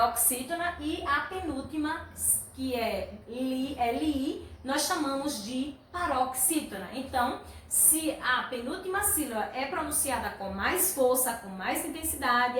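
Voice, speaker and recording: A woman's voice: high voice, lively intonation, measured pace, fairly bright tone, slight background noise. A woman teaching a children's class, patiently going through workbook answers, drawing words out and praising the pupils. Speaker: primary school teacher. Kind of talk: classroom lesson correcting workbook exercises. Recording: echoey room, mic at a distance.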